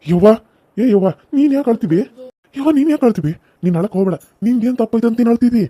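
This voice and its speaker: A man's voice: extremely high pitch, animated, very fast, dark tone, no echo. Man voicing a hot-tempered village husband. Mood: consoling. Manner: scolding, gruff.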